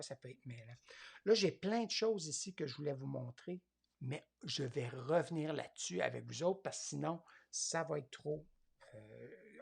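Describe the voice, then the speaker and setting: A man with a Quebec French accent leads a tablet class, demonstrating each step as he goes. His voice is husky with a gravelly edge. He talks hesitantly and thinks aloud. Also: medium pitch, a little mellow. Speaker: tablet course instructor.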